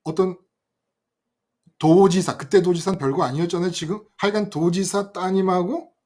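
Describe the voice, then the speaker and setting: High-voiced older preacher. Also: male voice, moderate pace. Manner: animated, acts out quoted voices and addresses listeners directly. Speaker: pastor. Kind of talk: sermon with personal storytelling.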